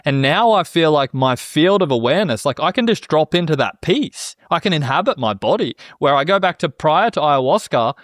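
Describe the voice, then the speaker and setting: A man's voice: a little high, lively intonation, moderate pace, few pauses, a bit bright, dry recording. Reflective man with a dry, close sound. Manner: reflective, often adds "you know what I mean?". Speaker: podcast host. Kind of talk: casual spiritual conversation.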